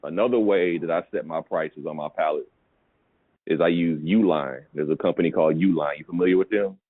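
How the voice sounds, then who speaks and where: A low-pitched man talks fairly quickly on narrow, dry call audio. As a pallet business coach, he gives conversational advice to a caller and often repeats check-in questions to confirm understanding.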